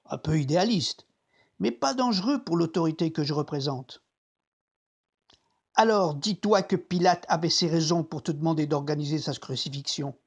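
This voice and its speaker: An actor playing a troubled, conscience-stricken Roman centurion, reflecting deliberately in a dramatic biblical monologue as if talking to himself. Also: mid-range voice, breathy edge. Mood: uneasy, self-justifying. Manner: introspective, deliberate, theatrical.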